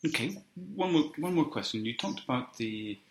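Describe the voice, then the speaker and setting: A man acting as a teacher examiner, asking halting questions and rephrasing them as he goes. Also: mid-range voice, lively intonation. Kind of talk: oral exam questioning. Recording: echoey room.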